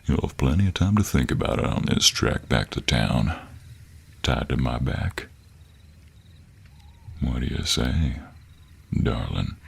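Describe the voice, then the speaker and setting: Here a man drawls as a rough-edged, teasing cowboy monster hunter with gentlemanly manners, part of an intimate audio roleplay, his American cowboy accent deep, husky, and gravelly. The delivery is expressive and heavily acted, a little slow, with long pauses. He comes across flirtatious and teasing.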